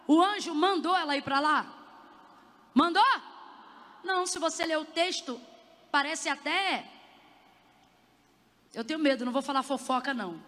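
A woman preaching a passionate sermon at a conference, rising into fervent shouts as she exhorts the crowd. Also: high voice. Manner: impassioned, building to shouts. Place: conference hall. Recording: long hall reverb.

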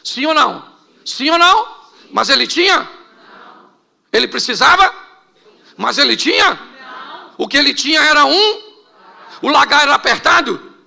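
A man's voice: very high voice, very animated, moderate pace, gravelly, long pauses, sharp tone. A middle-aged Brazilian man preaching a sermon as pastor, firing off rhetorical questions and joking asides.

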